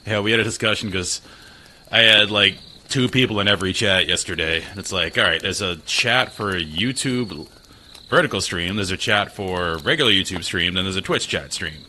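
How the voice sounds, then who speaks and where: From a small spare room, a gaming streamer with a deep, low voice chats easily and self-deprecatingly with his viewers, talking to chat at a moderate pace. A desk mic gives his tone a slightly tinny, sharp and bright edge, with a faint hiss underneath.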